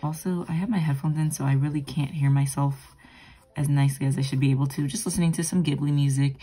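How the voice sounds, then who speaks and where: A woman's voice: sits low, fairly even intonation, fast, warm tone, slightly rough. A young woman talking casually while she draws, with a groggy morning voice and a chatty, rambling, self-deprecating manner. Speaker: art vlogger. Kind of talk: casual narration while drawing.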